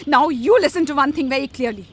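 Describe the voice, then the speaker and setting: An actress playing a haughty, scornful, middle-aged wealthy matriarch in a radio drama. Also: female voice, sits high, quick pace, a bit bright. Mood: scornful, angry. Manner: imperious, scornful, commanding. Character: haughty, threatening wealthy family matriarch, mother of grown son.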